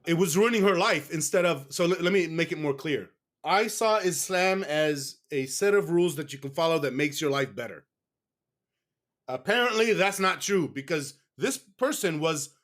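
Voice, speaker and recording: Man, guest in a casual interview, candid, rambling, fairly high-pitched. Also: a bit bright. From United States. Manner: candid, rambling, self-correcting.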